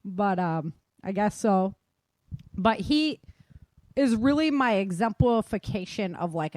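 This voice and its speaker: Her mid-range voice has a darkish tone and no echo as this podcast host and audio drama author talks in an easygoing, conversational way on her casual podcast.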